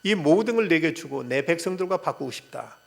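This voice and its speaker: A gravelly pastor playing a compassionate savior. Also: male voice, a little high, expressive, a little fast, pitched above the performer's own voice. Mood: earnest. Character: calm compassionate male savior offering ransom. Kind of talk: acted quote within a sermon.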